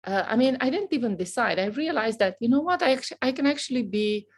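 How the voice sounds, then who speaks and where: A woman's voice: on the high side, animated, quick pace. A middle-aged woman from Romania, a professor, telling her story as a guest in an outgoing, boisterous way. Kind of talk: casual interview chat.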